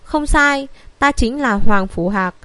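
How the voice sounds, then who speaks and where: Figure: a young man disguised as a famed healer in a fantasy audiobook, read by a woman. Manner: cool, offhand. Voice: fairly high. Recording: dry. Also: lively intonation, slow pace, sharp tone, no echo, heavily acted. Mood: aloof. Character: young man posing as an aloof famous healer.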